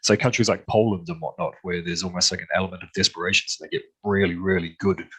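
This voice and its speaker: A man's voice: low voice, fast talker, slightly rough, poor audio. A man with a New Zealand accent, a guest talking easily on a video call with frequent ums. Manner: easygoing, relaxed, with frequent ums. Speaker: guest tattoo artist. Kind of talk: casual video-call interview.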